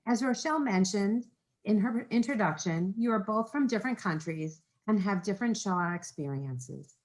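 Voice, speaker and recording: A woman's voice: mid-range voice, expressive, moderate pace, low-quality recording. Woman as moderator of an online talk; polite, organized, keeps things on track. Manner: polite and organized, guiding the speakers. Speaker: program moderator. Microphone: video call.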